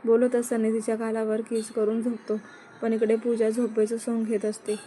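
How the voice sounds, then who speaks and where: Female storyteller, slightly high voice, flat and even, measured scripted reading. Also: slight background noise. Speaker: narrator.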